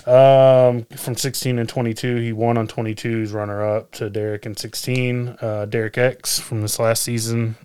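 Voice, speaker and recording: A man co-hosting a podcast, chatting casually in a relaxed way with plenty of fillers. His voice sits at an ordinary pitch and sounds dry, with no room echo. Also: normal speed, hardly any pauses, clear, resonant tone. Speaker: podcast co-host. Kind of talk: casual chat.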